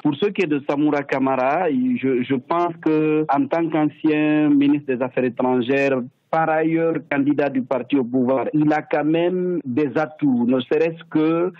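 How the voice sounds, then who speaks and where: A man's voice: a little high, steady tone, unhurried, dry recording. A male analyst giving unscripted commentary in a thoughtful, hesitant way, restarting his sentences. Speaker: political analyst. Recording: dry, tinny phone line.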